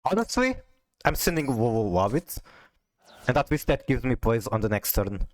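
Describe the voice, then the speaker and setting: Animated man. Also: mid-range voice, moderate pace. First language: Portuguese. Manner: animated, disbelieving outbursts with swearing and laughter. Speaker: streamer. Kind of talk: casual livestream card game commentary.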